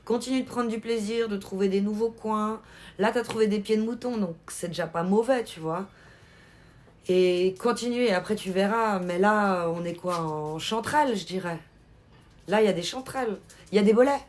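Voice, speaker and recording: A woman's voice: mid-range voice, normal speed, a little mellow. Chatty woman streaming live. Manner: chatty, laughs often, answers chat. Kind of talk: casual live-stream chat.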